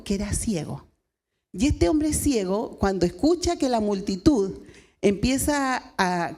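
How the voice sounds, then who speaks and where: A woman's voice: fairly high pitch, gravelly, warm tone. A woman pastor with a Chilean Spanish accent preaching a sermon, retelling a story and asking the congregation questions.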